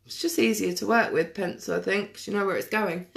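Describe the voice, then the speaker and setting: A woman chatting casually through a live makeup tutorial, self-deprecating and quick to laugh. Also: mid-range voice, gravelly. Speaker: makeup vlogger.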